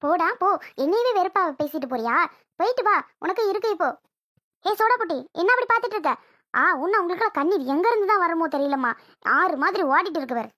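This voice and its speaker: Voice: extremely high pitch, lively intonation, fast talker, bright, forceful tone, no echo, studio quality, full character voice. A voice actor playing a rude, bossy young bride in a cartoon, speaking with a Tirunelveli Tamil accent and taunting her family. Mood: scornful. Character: bossy new bride, sharp-tongued and rude. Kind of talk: cartoon voice acting.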